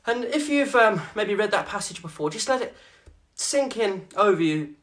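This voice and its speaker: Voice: medium pitch, animated, moderate pace, a bit bright. A fitness instructor, out of breath after a workout, reading Bible verses and encouraging viewers in an earnest way. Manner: earnest, encouraging, peppers talk with "okay" and "guys".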